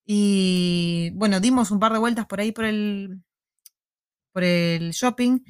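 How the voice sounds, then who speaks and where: A woman's voice: medium pitch, takes it slowly, clear, resonant tone, dry recording, studio quality. Argentine woman telling a story with flair. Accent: Argentine Spanish. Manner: animated storytelling with laughs and acted-out quotes. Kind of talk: casual chat.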